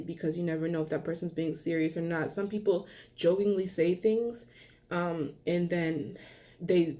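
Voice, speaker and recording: A woman's voice: deep voice, darkish tone. Earnest young woman, rambling and breathless. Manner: earnest, rambling, many ums and restarts. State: short of breath, coughing. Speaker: vlogger. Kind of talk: casual heartfelt monologue to camera.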